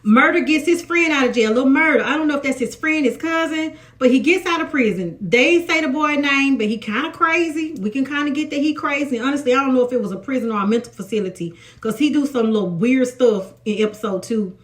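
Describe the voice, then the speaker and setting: A woman's voice: high voice, brisk, hardly any pauses. Chatty Mississippi woman recapping a show. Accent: Southern US, Mississippi. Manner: chatty, animated, restarts a lot. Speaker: TV recap vlogger. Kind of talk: casual episode recap.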